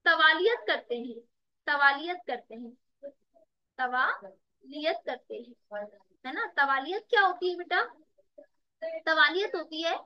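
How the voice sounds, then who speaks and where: Woman Urdu tutor, high-pitched, unhurried and repetitive, dry dull lo-fi recording. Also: no room sound. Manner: repeats words and asks the class rhetorical questions; addresses students as beta. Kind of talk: online exam-prep lesson.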